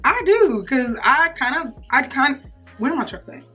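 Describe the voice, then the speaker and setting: A young woman in casual girl-talk, slangy and halting as she thinks aloud. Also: high-pitched, very animated, sharp tone, soft background music. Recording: slightly distant from the microphone.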